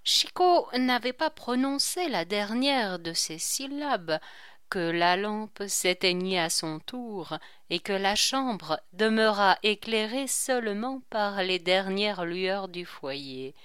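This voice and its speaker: Slow, smooth-voiced woman narrating a novel. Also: medium pitch, no echo, clean studio sound. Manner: measured, expressive reading. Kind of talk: audiobook narration of a classic novel.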